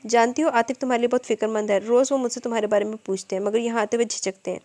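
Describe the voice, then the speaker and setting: A woman reading the lines of a spirited young woman, earnest and soft-spoken to a friend. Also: fairly high pitch, fairly even intonation, rapid-fire, lightly acted.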